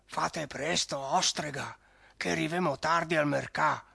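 A man's voice: fairly high pitch, a little slow, gravelly, sharp tone, husky, no echo, full character voice. A man doing a fretful Venetian greengrocer. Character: fretful Venetian vegetable seller, older man.

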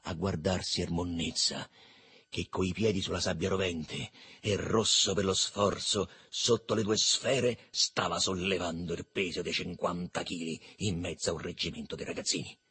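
Husky man reading a novel aloud. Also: low voice, moderate pace. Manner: expressive, animated. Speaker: narrator.

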